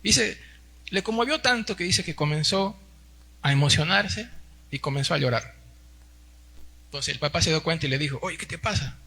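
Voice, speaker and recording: Addressing his congregation as brothers, a Peruvian pastor in his forties gives a Sunday sermon in Peruvian Spanish and often ends sentences with little questions. His slightly high voice has lively intonation, normal speed, vocal fry and long pauses, sounding pushed and bright with a breathy edge.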